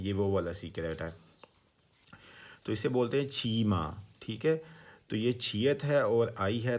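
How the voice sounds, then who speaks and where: A man teaching vocabulary in a casual, patient way, spelling out each word sound by sound and checking in often. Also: lowish voice. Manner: patient, repeats each word slowly and checks with "theek hai". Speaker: language teacher. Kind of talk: casual explanatory lesson.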